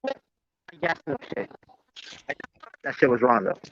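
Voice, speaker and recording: A man's voice: mid-range voice, lively intonation, takes it slowly, lo-fi sound, a little hiss or hum. A man joining a casual chat over an online call, his voice crunchy and breaking up with digital distortion. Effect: crunchy, breaking-up distorted voice chat audio. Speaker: guest calling in.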